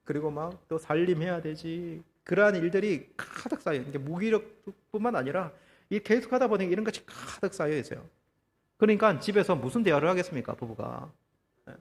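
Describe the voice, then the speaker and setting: A man preaching a sermon as pastor, telling a story with lively, acted-out quotes and rhetorical questions to the congregation. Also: sits high, a little fast, big-room sound. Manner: animated storytelling, acting out quoted voices. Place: church.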